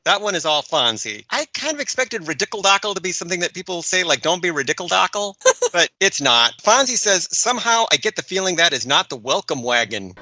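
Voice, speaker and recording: Man, podcast co-host, very bright voice, slightly high, dry dull recording, informative review tone. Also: very animated, a little fast, no echo, faint music behind. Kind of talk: scripted review commentary.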